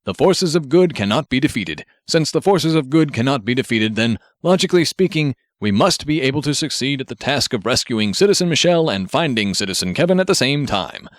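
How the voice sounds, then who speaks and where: In an audiobook, a man voices a pompous, earnest superhero who declaims in formal sentences with stubborn optimism and a solemnly logical mood. His mid-range voice is sing-song, a little fast with few pauses, close to an everyday voice, recorded dry and clean in a studio.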